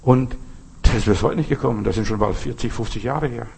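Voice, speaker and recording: A man's voice: medium pitch, a little fast, creaky, darkish tone, breathy edge. An older man, a pastor, preaching an earnest sermon and telling stories with acted-out quotes.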